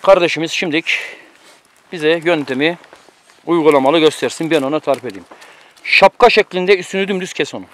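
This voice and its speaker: This is a man with a fairly high voice, recorded outdoors on a mountain through a camera microphone. He keeps up a casual, bossy running commentary. He teases and instructs the friend cooking beside him. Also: fairly quick, fairly bright tone, a little hiss or hum.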